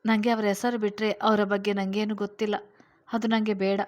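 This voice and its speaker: A woman's voice: medium pitch, little pitch movement, moderate pace, a little mellow, natural voice. A woman voicing an anxious younger sister, crying and worried, in a storybook reading. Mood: tearful.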